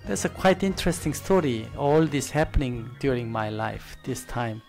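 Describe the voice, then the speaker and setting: A middle-aged man with a Korean accent, a native Korean speaker giving an informal, reflective presentation in halting English at a desk microphone. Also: medium pitch, lively intonation, creaky, darkish tone, soft background music. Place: studio desk with a virtual set. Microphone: desk gooseneck microphone.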